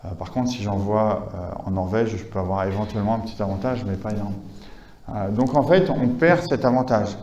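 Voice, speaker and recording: A man's voice: on the low side, a little fast, darkish tone, echoey room, lo-fi sound, slight background noise. A man giving a conference lecture, talking with many hesitations, fillers and restarts. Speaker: conference speaker.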